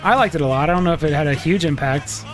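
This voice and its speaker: A man's voice: on the high side, quick pace, soft background music. A man in his thirties, co-host of a casual podcast, arguing his point heatedly and swearing freely. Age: 30s.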